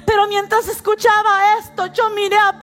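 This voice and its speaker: A woman giving an emotional testimony in a sermon, telling her story slowly and fervently. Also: extremely high pitch, monotone, fairly bright tone, faint music behind.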